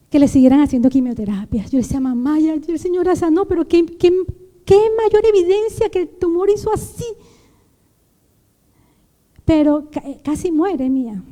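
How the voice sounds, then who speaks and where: In a church sanctuary, a woman from Venezuela gives an emotional testimony during a sermon, retelling her story with many restarts. Her high voice is mellow and echoes as if in a large hall.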